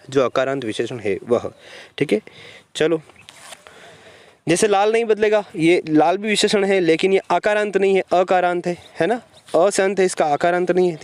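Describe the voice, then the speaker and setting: A man delivers a grammar lesson in a somewhat high voice. He walks through each rule slowly, poses questions to the class and answers them himself, with steady classroom patience. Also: no echo. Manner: explains step by step, asks and answers his own questions, repeats "ठीक है". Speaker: Hindi grammar teacher. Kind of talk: classroom-style grammar lecture.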